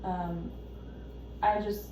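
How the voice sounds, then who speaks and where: A woman playing an anxious, devoted wife who explains herself haltingly and defensively in a counselling role-play. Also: on the low side, flat delivery, dark tone. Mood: anxious, apologetic. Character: anxious, devoted wife caring for her husband. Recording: echoey room, distant mic, noisy background.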